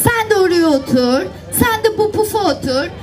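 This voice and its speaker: At a seaside public event, a children's storyteller with a very high, expressive, darkish voice tells fairy tales at a moderate pace, addressing the kids directly and playfully. Crowd sounds, outdoor noise, and faint music surround her.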